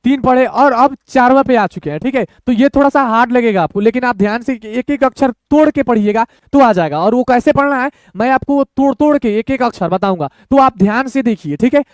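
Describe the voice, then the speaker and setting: Guy teaching hindi reading, very high smooth voice, sounds out each syllable slow and patient. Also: no room sound, studio quality. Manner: slow, patient, breaks words into syllables, repeats "thik hai". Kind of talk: online lesson, syllable-by-syllable reading.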